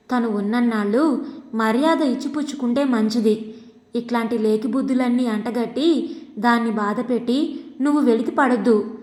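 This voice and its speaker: A woman's voice: a little high, lightly acted. A woman voicing a tired middle-aged husband who answers his wife impatiently and lectures her. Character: weary middle-aged husband, irritated but reasoning. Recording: echoey room with long reverb.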